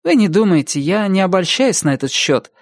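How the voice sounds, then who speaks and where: A guarded, doubtful woman, as a male reader puts her on. Her voice climbs higher and swings widely. The sound is dry and close. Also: sing-song, fairly quick, no room sound. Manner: doubtful, defensive, raised voice. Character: wary middle-aged woman, widow of sorts, guarded. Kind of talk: audiobook character voice.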